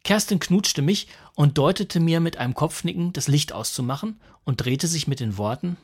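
A man's voice: on the high side, expressive, moderate pace, husky. A man reading a humorous first-person story aloud in a dry, wry manner. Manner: dry, wry comic narration. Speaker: narrator.

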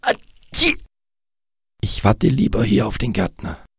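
A man's voice: mid-range voice, sing-song, normal speed, gravelly, a little mellow, slightly rough, no echo, clean studio sound, voice pushed up, exaggerated voice. A man voicing an anxious, sickly little snowman boy who stutters and whines as he reads a storybook aloud. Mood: fretful. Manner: trembling, stuttering and whiny. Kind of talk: storybook reading.

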